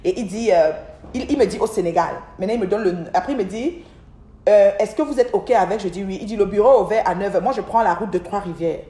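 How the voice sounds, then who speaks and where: A woman's voice: medium pitch, quick pace, mellow. A middle-aged woman telling a long story on a casual livestream from home, rambling and often repeating words as she speaks to her viewers. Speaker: livestream host. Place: at home, by an aquarium. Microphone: livestream device mic. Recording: echoey room.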